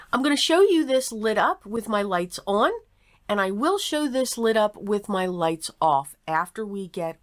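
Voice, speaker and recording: Lower-voiced woman teaching in an echoey room. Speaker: craft tutorial host. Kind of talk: casual step-by-step tutorial narration. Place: small table in a nearly empty craft room. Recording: echoey, sparsely furnished room.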